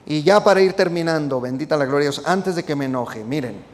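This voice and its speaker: A man's voice: on the high side, expressive, fairly quick. A male preacher, talking in an emphatic sermon style full of rhetorical questions and fillers. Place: United States. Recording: long reverb hall sound.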